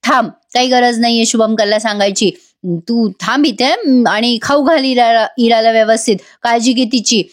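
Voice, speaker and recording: A woman's voice: on the high side, steady tone, brisk, few pauses, no room sound, studio quality, lightly acted. A woman voicing a spiteful, defiant woman relative.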